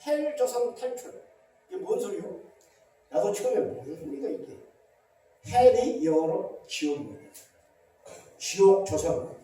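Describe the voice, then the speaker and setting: High-voiced preaching man, echoey hall. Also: big pitch swings, measured pace, pauses often, mellow. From Korea. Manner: emphatic preaching, rhetorical questions, mimics complaints. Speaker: pastor. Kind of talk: sermon. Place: large church hall. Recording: very echoey church hall, distant mic.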